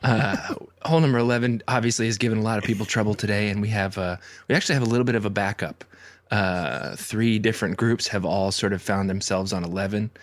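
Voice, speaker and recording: A man's voice: on the low side, fairly even intonation, fast talker, lightly acted. A man playing a hesitant, rambling golf reporter down on the course in a parody sports broadcast.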